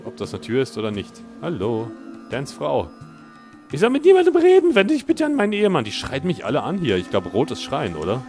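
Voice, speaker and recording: A man hosting a let's play, talking casually as he explores the game. His delivery is chatty and joking, with a lively, animated pitch. Faint game music plays behind him. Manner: chatty and joking, thinking out loud. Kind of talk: casual gameplay commentary.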